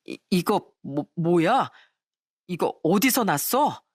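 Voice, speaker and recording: A woman's voice: fairly low pitch, expressive, slow, a little mellow, no echo, clean studio sound. A woman voicing a deceitful young male fiancé who stammers out excuses. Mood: flustered. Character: deceitful two-timing young fiancé, man.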